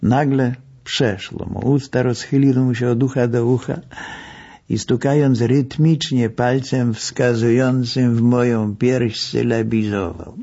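An older man reading his memoir aloud, wry and unhurried in his storytelling. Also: medium pitch, fairly even intonation, mellow. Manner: wry, slow, gravelly storytelling. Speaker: memoir narrator. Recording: dull lo-fi recording.

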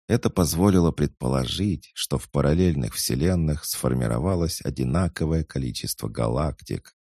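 Ancient alien sage, male, measured and unshakable; a man reads it with a gravelly bass in a dry, close sound. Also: no echo, exaggerated voice. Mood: calm. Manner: calm, unhurried, measured. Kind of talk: audiobook character reading.

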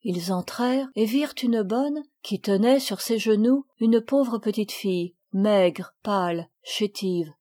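A woman reading a classic novel aloud as an audiobook, in a clear, measured way. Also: medium pitch, warm tone. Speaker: audiobook reader. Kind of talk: scripted narration of a classic novel.

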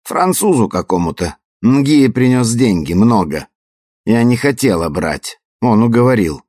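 A man's voice: mid-range voice, very animated, unhurried, darkish tone, husky, no room sound, studio quality, pitched above the performer's own voice. A man voicing a vengeful, mocking old woman poisoner in an audiobook, with a cold, triumphant manner. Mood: coldly satisfied.

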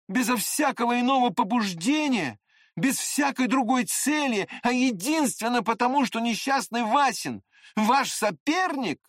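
A man's voice: very high voice, fairly bright tone, no room sound, clean studio sound, pitched above the performer's own voice, heavily acted. A reader voicing an agitated young man in an audiobook, hurling rising, accusing exclamations. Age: young adult.

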